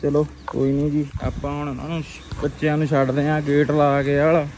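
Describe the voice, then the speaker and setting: A man's voice: on the high side, little pitch movement, brisk, darkish tone, a little hiss or hum. Chatty Punjabi man vlogging on a farm. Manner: chatty, teasing, raises voice to call to family. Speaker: village vlogger. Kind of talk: casual farm vlog chat. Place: outdoors on a family farm.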